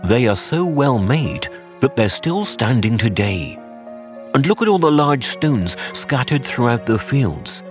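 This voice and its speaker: Old farmer looking back, slow and wistful, lowish swingy voice, music with it. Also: male voice, sing-song. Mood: reminiscing. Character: reflective old male tenant farmer reminiscing. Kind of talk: scripted first-person character monologue for audio guide.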